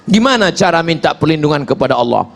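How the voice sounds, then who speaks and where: A male preacher delivering a lively sermon in a high, expressive voice that leaps up and down. He drops to soft recitation, then builds to shouted appeals and cracks jokes with the crowd. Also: fast, gravelly. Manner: animated, swings from soft to shouting, jokes with the audience. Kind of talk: humorous sermon to a congregation.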